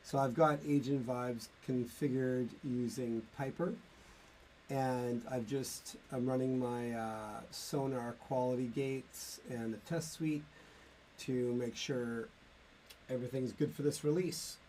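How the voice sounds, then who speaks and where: A middle-aged man casually walking through a demo of his own software tool, explaining step by step with a few fillers. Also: mid-range voice, steady tone, slow pace, a little hiss or hum. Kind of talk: casual tech demo walkthrough.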